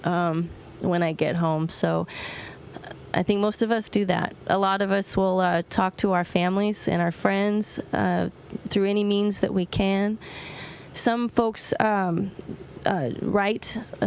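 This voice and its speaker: A woman's voice: mid-range voice, fairly even intonation, slow, creaky, a little hiss or hum. A woman astronaut giving informal, plain-spoken answers to students over a space-to-ground radio link. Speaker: astronaut answering questions from orbit. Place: aboard a space station.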